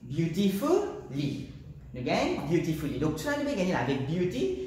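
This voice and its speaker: A man's voice: on the high side, big pitch swings, fast talker, a little mellow, a little hiss or hum. A man with a Mauritian accent teaching a class, asking questions and repeating students' answers. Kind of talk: classroom lesson. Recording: echoey classroom from far off.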